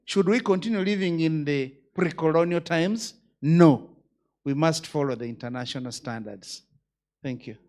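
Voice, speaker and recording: A man's voice: fairly high pitch, normal speed, a little mellow. A man, a judge giving a speech at a conference, emphatic and full of rhetorical questions.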